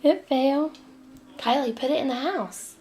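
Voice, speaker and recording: A woman's voice: high-pitched, measured pace, noisy background. A mother in a casual family vlog, talking sweetly and coaxingly to her small children. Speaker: mother filming her kids.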